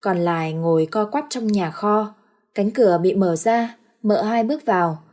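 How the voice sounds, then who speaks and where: A woman narrating an audiobook story in a steady, plain storytelling manner. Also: medium pitch, moderate pace.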